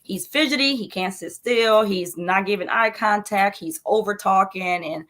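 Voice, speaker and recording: A woman's voice: mid-range voice, moderate pace, fairly bright tone. Earnest mother speaking emphatically. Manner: earnest, emphatic, repeats herself. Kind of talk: interview conversation.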